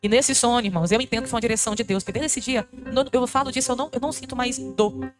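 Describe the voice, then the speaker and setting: A woman's voice: on the high side, racing, music in the background. A Brazilian woman missionary giving a fervent, emotional testimony to a church congregation, calling them brothers. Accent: Brazilian Portuguese. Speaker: missionary preacher.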